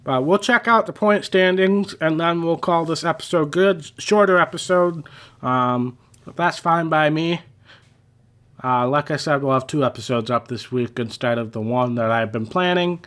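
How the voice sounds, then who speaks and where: A young man giving casual, rambling commentary over his racing game, a little hoarse and self-deprecating, with many fillers. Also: a little high, normal speed, a bit bright. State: slightly losing his voice. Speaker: gaming channel host.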